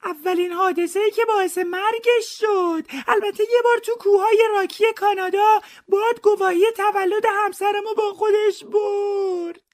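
A man voicing a tearful widow of a hunter in a high falsetto, wailing and dragging out his words in a comic mystery story reading. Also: fairly even intonation, few pauses.

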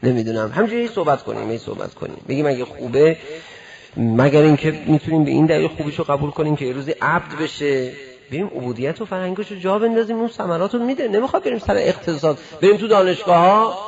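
A man's voice: on the high side, animated, creaky, a little mellow, dull audio. A man giving a religious lecture, asking rhetorical questions and acting out imagined exchanges with his listeners. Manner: rhetorical, acts out imagined dialogues. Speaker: preacher.

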